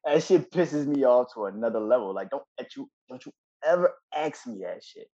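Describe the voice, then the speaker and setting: A man co-hosting a podcast in casual chat, profane and quick to laugh. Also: medium pitch, lo-fi sound. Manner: profane, laughs a lot, animated when heated. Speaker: podcast co-host.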